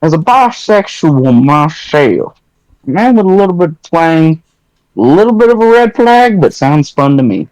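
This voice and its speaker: A man's voice: fairly high pitch, very animated, a little slow, darkish tone, no echo, poor audio. A man co-hosting a podcast in casual chat, teasing and cracking edgy jokes. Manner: teasing, joking, edgy humor. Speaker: podcast co-host.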